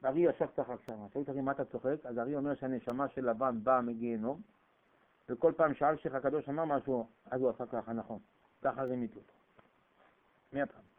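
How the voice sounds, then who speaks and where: A man giving a storytelling sermon on Torah, animated and acting out the people in his stories. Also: medium pitch. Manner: animated, acts out voices, rising shouts. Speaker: Torah preacher. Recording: tinny phone-like radio broadcast.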